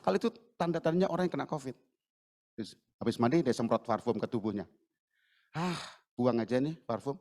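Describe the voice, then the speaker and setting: A man's voice: mid-range voice, brisk. A middle-aged man, a pastor, preaching at a church service and telling a personal story with acted-out dialogue. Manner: lively storyteller, acts out dialogue in raised voices. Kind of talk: sermon with storytelling.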